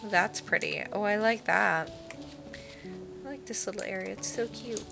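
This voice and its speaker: A young woman streams a game, chatting bubbly and thinking out loud in a creaky, mid-range voice at normal speed. Her casual gaming talk sits over loud game music.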